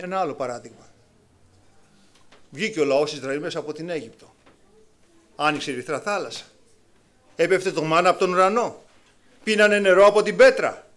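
A man preaching a sermon to his congregation, animated, acting out the voices of biblical people with sudden rises and drops. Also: high voice.

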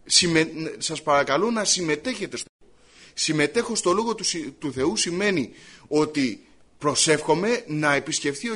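A man's voice: sits high, a bit bright. A man preaching a sermon, reading scripture aloud and then explaining it to the congregation he calls brothers, in an earnest, emphatic way.

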